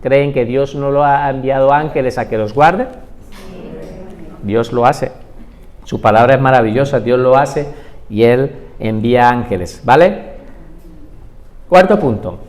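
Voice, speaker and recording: A man teaching a Bible class, retelling stories in a lively way and asking the class rhetorical questions. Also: mid-range voice, a little slow, pauses often. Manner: animated storytelling with rhetorical questions.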